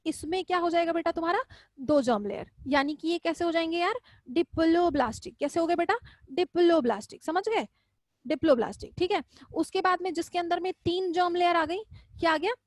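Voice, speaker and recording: A woman's voice: very high voice, dry recording. A woman teaching zoology in a live online class, chatty and affectionate, often repeating questions back to her students. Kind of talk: live online class, casual Hindi lecturing.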